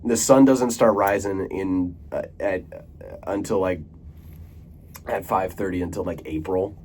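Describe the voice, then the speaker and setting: A man's voice: deep voice, measured pace, a little mellow, slight background noise. A young man talking casually to camera in a rambling monologue, full of fillers, restarts and casual swearing. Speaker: vlogger.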